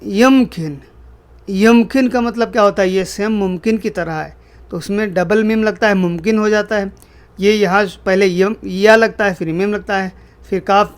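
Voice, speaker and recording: High-voiced man teaching spoken phrases. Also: clean tone. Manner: repeats each phrase slowly and explains it. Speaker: Arabic language teacher. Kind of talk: spoken language lesson.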